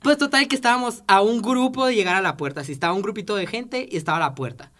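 A man with a Mexican accent, an animated co-host telling stories in casual chat and swearing freely. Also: sits high, fast talker. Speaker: podcast co-host. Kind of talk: casual chat among friends.

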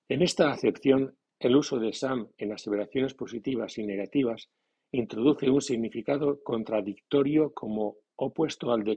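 A man teaching a grammar lesson in a measured, scripted way, reading example sentences slowly. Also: mid-range voice, dark tone, slightly rough. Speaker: language teacher. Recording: dull lo-fi sound.

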